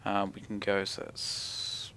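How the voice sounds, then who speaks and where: Young kiwi guy, broad nz accent, gravelly lowish voice, laid back mumbly gaming commentary, bit of background noise. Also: monotone, takes it slowly, sharp tone. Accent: broad New Zealand. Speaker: gaming video creator. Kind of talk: casual gameplay commentary, thinking aloud. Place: indoor room at home.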